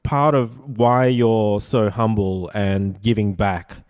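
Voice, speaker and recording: A man in his forties hosting a casual podcast interview, asking rambling questions with halting restarts, fillers and casual swearing. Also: fairly low pitch, fairly even intonation, darkish tone, clear, resonant tone. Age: 40s. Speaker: podcast host.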